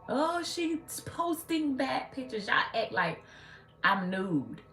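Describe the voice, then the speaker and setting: In a high-pitched, very animated voice that's a bit bright, a woman in her late thirties speaks slowly while hosting a casual livestream. She's sassy, talking back to her viewers' comments, and the room is echoey with faint ambience.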